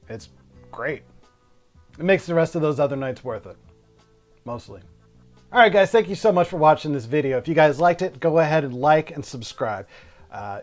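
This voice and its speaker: A man telling a comic story in a wry, self-deprecating, profane way as a stand-up comedian. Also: fairly high pitch.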